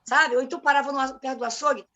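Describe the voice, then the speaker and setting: A woman with a Rio de Janeiro Brazilian accent telling stories in casual chat, animated and acting out the dialogue in different voices. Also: high-pitched, rapid-fire. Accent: Brazilian Portuguese, Rio de Janeiro.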